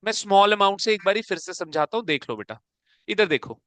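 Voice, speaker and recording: A man's voice: high voice, lively intonation, a little fast, bright, forceful tone, dry recording. A man teaching an accounts class to a room of students, coaxing them along and checking often whether they have understood. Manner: coaxing, calls students "beta", keeps asking if it is clear. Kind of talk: classroom lecture.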